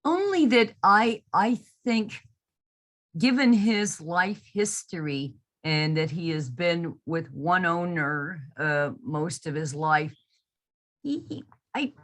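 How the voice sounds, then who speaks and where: A woman fostering a pet, telling stories about him slowly and fondly over a video call. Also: low voice. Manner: slow, warm, affectionate storytelling. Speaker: foster carer. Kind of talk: casual interview answers.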